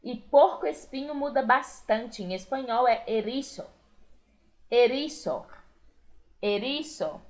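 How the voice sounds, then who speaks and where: A woman with a Brazilian Portuguese accent teaching a recorded Spanish lesson, patiently repeating each word clearly. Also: sits high, unhurried, hardly any pauses, darkish tone.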